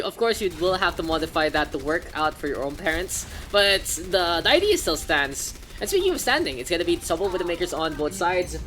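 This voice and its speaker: Filipino lady casting a game live, low voice, joking around, faint hum behind. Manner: casual, joking, mixes English with Tagalog. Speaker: esports caster and streamer.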